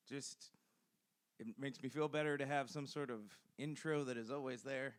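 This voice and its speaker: Rambling enthusiastic male podcast host. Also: medium pitch. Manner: rambling, enthusiastic, many fillers and restarts. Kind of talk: casual solo podcast chat.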